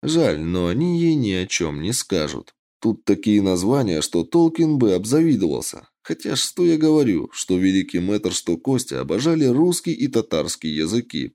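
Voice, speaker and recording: A male audiobook narrator reading a first-person fantasy story with a dry, ironic edge. His voice sits low and mellow, and his pitch moves in a lively, animated way. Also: moderate pace, hardly any pauses. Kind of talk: scripted narration.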